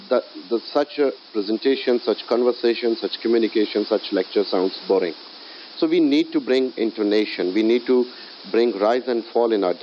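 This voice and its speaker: Male lecturer, lowish voice, hesitant "uh" fillers, dull lo-fi recording. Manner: frequent "uh" fillers and restarts, explanatory. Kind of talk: classroom lecture. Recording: dull lo-fi recording with faint hiss.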